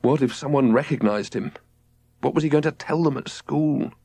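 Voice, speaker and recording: In a mid-range voice at normal speed, a man reads a children's audiobook with expressive, scripted storytelling. The recording has no echo.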